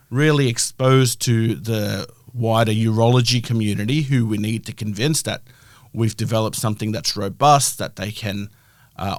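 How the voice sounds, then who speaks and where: A man's voice: lowish voice, dry recording, clean studio sound. A middle-aged man with a broad Australian accent, explaining his work as a guest in a conversational interview. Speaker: interview guest, health-tech founder.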